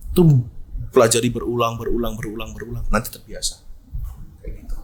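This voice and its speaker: A man's voice: medium pitch, fast. A man with a Jakarta slang accent, an esports event host, telling stories in a casual podcast chat and acting out quoted lines. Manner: animated storyteller, acts out quoted lines.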